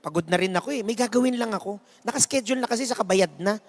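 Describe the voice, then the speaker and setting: A man's voice: sits high, quick pace, in a large hall, pitched below the performer's own voice. A man playing a stubborn ninety-year-old woman. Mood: relaxed. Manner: pleading, then indignant and shouting.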